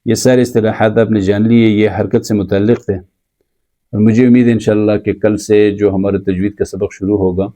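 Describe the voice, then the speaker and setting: A man teaching a recorded lesson on Quran recitation rules, explaining terms patiently and repeating them slowly. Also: on the low side, little pitch movement, warm tone.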